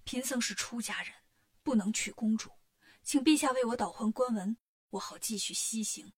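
A mild, earnest monk, as a woman storyteller plays him, pleading politely in a soft, slightly lowered voice. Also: normal speed, close to an everyday voice. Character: Tang Seng, mild earnest male monk master.

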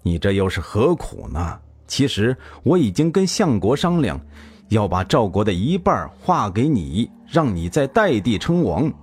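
A man voicing an aging former king who speaks flatly and with resignation. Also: lowish voice, moderate pace, slightly rough. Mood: weary. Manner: flat, resigned.

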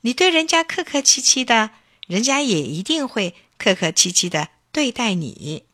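A woman voicing a kind, patient grandmother who gently explains things to a child in a storybook reading. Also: on the high side, very animated, moderate pace, no echo, clean studio sound. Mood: gently explaining.

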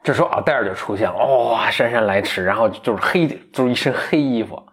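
Animated man retelling a story. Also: lowish voice, fast. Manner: animated, laughs often, acts out characters. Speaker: podcast co-host. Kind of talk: casual storytelling chat.

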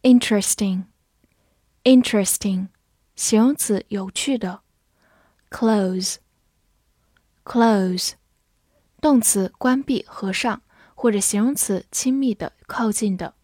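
A woman English teacher takes students through a vocabulary lesson. She talks slowly and draws out each word as she repeats it. Her slightly high voice is recorded close and dry. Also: dark tone, husky, no echo. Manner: slow, drawn-out word repetition.

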